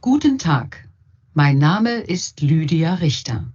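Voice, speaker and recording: Lady in a language course clip, low, mellow, lively, slow n breathy, muffled. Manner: slow, clearly articulated. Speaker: speaker in a language-course audio. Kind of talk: scripted textbook dialogue. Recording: muffled course audio played over a call.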